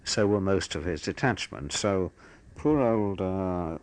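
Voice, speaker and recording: An older man, a war veteran, telling his memories in a measured, matter-of-fact way for an oral history. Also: low-pitched.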